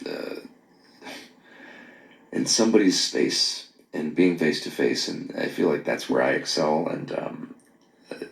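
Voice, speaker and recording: Deep gravelly man in a phone voice message. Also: animated. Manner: halting, many pauses and restarts; earnest, apologetic. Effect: voice message recorded on a phone. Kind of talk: late-night voice memo. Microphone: phone held close. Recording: echoey phone voice memo.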